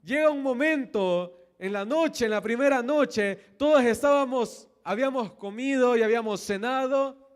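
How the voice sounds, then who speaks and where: A man with a Salvadoran accent preaching a sermon in a church, telling his own story with passion and dropping to hushed lines between loud peaks. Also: very high-pitched, moderate pace, clean tone. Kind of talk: sermon with personal testimony. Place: church sanctuary.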